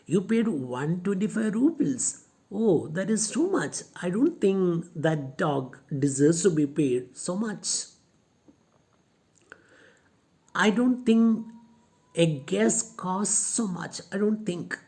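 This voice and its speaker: A woman voicing a sharp-tongued, stubborn young woman while reading a play aloud for a class. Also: on the low side, animated, slow, breathy edge, pitched above the performer's own voice, full character voice. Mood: scoffing.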